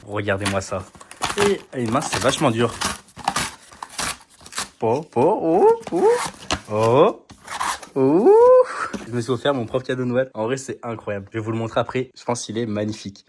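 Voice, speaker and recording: A young man from France vlogging casually in a slangy, excitable way, chatting from a Christmas tree stand and a hotel room. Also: lowish voice. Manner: slangy, excitable, laughs a lot. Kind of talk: casual vlog chat. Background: background noise.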